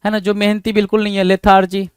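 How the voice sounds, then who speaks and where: Man, exam-prep vocabulary lesson, rhetorical questions, bright high pitch, dry close recording. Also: completely flat delivery, quick pace, smooth, no room sound. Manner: rhetorical questions to students, repeats words. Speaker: vocabulary teacher.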